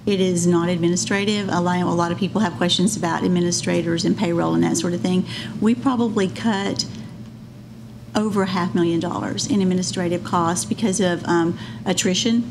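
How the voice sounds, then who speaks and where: A woman speaking to a school board, explaining staffing costs in a measured, formal way. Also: on the low side, fairly even intonation, vocal fry, noisy background. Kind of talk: formal remarks at a board meeting.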